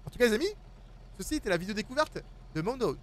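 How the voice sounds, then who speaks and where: A man's voice: high-pitched, big pitch swings, very fast. A man, a gaming YouTuber, giving casual let's-play commentary and joking with the characters on screen. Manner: playful, jokes with the game characters.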